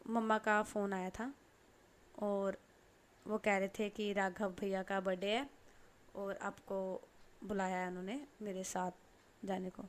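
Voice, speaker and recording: A woman's voice: mid-range voice, level tone, a little slow, long pauses, close to an everyday voice. A woman voicing a young, playful and curious niece who pleads and hesitates. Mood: pleading.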